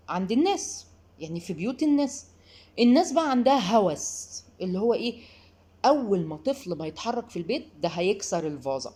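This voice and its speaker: A woman with an Egyptian accent giving parenting advice, talking straight to the listener and acting out quotes. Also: mid-range voice. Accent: Egyptian Arabic. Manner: animated, addresses the listener directly, acts out quotes. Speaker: parenting advisor. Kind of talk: advice talk to mothers.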